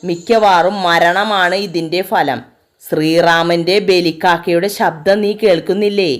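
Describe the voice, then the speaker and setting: A woman reading the lines of a brutal, obsessive young man in a spoken storybook, slow and taunting. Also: fairly low pitch, fairly even intonation, lightly acted. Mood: menacing.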